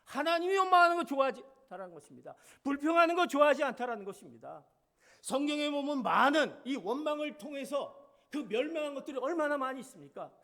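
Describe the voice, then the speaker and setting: A man's voice: very high-pitched, animated, fast, fairly bright tone. A man preaching a sermon as pastor, with emphatic delivery and repeated rhetorical questions.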